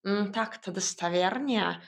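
Grumpy bossy tomcat, woman doing the voice, gruff and scolding, drags his words out. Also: medium pitch, unhurried. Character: grumpy bossy male talking cat. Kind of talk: audiobook character voice.

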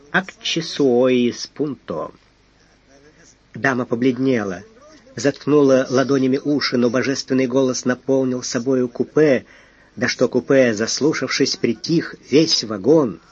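A man narrating a detective novel, in measured, expressive literary reading. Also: mid-range voice, slightly rough, lo-fi sound. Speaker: audiobook narrator.

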